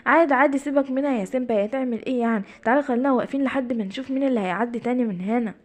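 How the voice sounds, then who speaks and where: A mischievous cartoon boy, played by a woman who loves pranks, speaking with an Egyptian accent. His voice is high and teasing, and he chatters along quickly. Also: close to an everyday voice. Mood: playful. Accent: Egyptian Arabic. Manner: playful, teasing. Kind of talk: cartoon voice acting.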